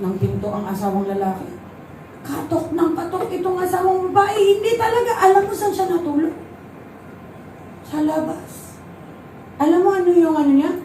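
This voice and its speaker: A woman pastor preaching a sermon, telling stories with animated delivery and switching into English. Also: high voice, a little hiss or hum. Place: church service. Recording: echoey church hall, mic far off.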